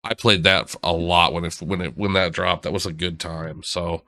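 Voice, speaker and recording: A man's voice: sits low, steady tone, normal speed, sharp tone, no room sound. A man co-hosting a gaming podcast in casual chat, rambling eagerly with restarts. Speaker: podcast co-host.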